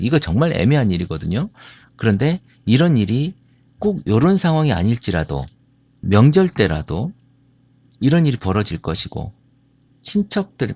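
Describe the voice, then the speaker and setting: This middle-aged Jeolla man, who speaks on marriage and family, tells stories to an audience and puts questions to them. He has a husky, fairly low, darkish voice, captured with no room sound.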